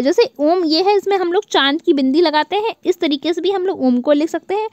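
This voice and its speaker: A woman's voice: extremely high pitch, no room sound. A woman teaching an online class, repeating key points as questions to her students and stretching out vowel sounds to show their length.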